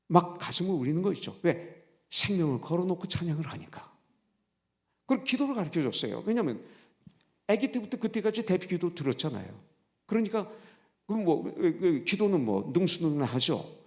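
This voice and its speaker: Animated male pastor telling a testimony. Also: a little high, vocal fry. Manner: storytelling with many hesitant fillers. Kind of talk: revival sermon testimony.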